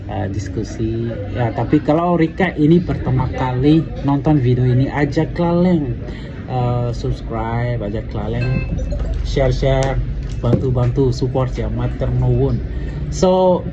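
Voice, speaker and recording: A man's voice: mid-range voice, unhurried, over music. A man speaking Indonesian as a foreigner with a West African accent, hosting a casual chat and mixing in Javanese slang and English. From Africa, Mali. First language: not Indonesian. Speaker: podcast host. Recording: clearly noisy background ambience.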